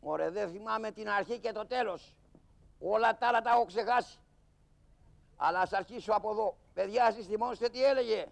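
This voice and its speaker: A man voicing a cheeky, boastful and cowardly male shadow-puppet trickster who talks to the children in a live puppet show. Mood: scatterbrained. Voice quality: high, gravelly voice.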